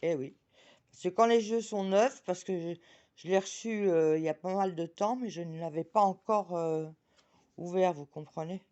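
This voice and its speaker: A chatty woman presenting oracle cards on her channel, talking about herself in the third person and reading each card's message slowly. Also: fairly low pitch, darkish tone, lo-fi sound. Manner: reads card messages slowly.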